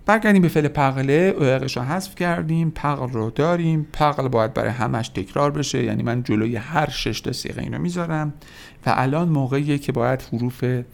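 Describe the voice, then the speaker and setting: A young man talks through a podcast language lesson at an easy, patient pace. His voice sits at a middle pitch with a gravelly, fry-tinged texture. He pauses often with filler sounds as he explains each point. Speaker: French teacher. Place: indoors near a window.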